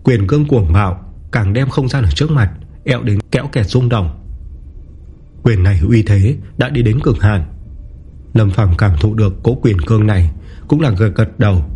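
A man narrating a martial-arts novel in a steady, even storytelling voice. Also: fairly low pitch, breathy edge. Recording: soft background music.

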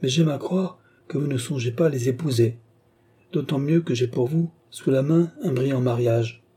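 A man's voice: mid-range voice, normal speed, warm tone, husky. A man reading a cynical old count's letter.

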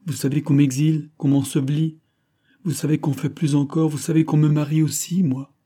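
A man's voice: fairly high pitch, level tone, brisk, dark tone, voice pushed up, close to an everyday voice. A man voicing a young noblewoman, passionate and pleading, in a read-aloud story. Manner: impassioned, pleading.

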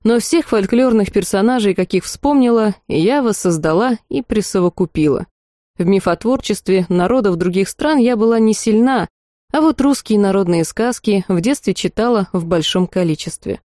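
A woman narrating an audiobook in lively first-person storytelling. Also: mid-range voice, normal speed, dry recording, studio quality. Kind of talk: scripted narration.

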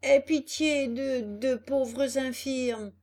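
A woman voicing a sly, crippled old fox who begs in a drawn-out pleading whine. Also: sits high, darkish tone, pitched above the performer's own voice, full character voice.

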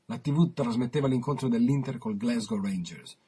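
A man on the radio reading his own written interview aloud, measured, with dramatic pauses. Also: medium pitch, warm tone, slightly rough.

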